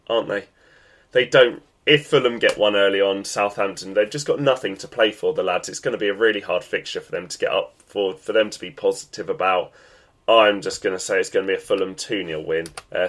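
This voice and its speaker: Man, nasal stuffy voice, lowish pitch, casual podcast host chat, lots of ums. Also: a bit bright. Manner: chatty, with many ums and restarts. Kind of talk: solo football podcast chat.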